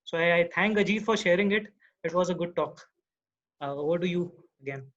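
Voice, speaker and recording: High-voiced earnest man on a dull line. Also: a little fast, fairly bright tone. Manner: earnest, thoughtful, many restarts. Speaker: meeting participant. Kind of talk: spoken reflection.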